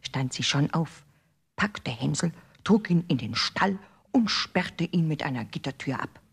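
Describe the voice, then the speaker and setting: A woman narrating a fairy tale in a measured, expressive storybook reading. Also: low-pitched, vocal fry, a little hiss or hum.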